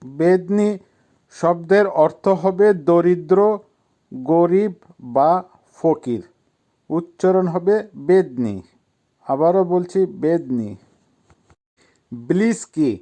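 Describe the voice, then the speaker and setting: Slow, methodical male language teacher. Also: a little high, mellow. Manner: methodical and repetitive, each word said twice. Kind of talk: slow vocabulary lesson with repeated pronunciations.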